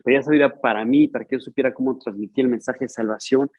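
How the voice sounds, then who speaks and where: A man's voice: mid-range voice, steady tone, quick pace, dry recording, highs cut off. A man preaching a sermon in a conversational, storytelling way, acting out the dialogue. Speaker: pastor.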